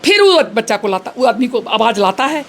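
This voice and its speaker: Woman, fifties, high voice, animated storyteller, acts out dialogue, faint noise. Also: fairly quick. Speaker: fraud victim. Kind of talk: emotional retelling.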